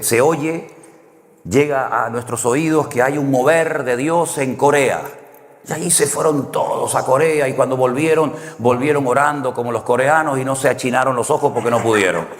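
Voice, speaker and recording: A man with a Canary Islands Spanish accent, preaching a sermon as a pastor in a conversational, storytelling way with wry humor. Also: medium pitch. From Canary Islands, Spain. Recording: long hall reverb.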